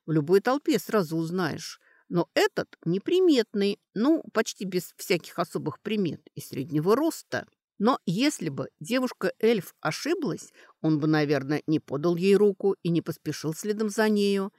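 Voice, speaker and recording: An audiobook narrator gives a fantasy novel an expressive, lively reading. The pitch climbs and dips freely through each sentence. The recording is dry and close, with no room sound. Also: normal speed, no echo.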